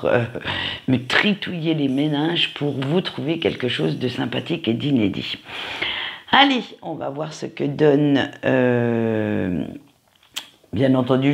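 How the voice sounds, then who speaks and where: Slow gravelly-voiced man. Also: medium pitch. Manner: slow, hesitant, many fillers. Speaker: tarot card reader. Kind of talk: casual spoken tarot reading.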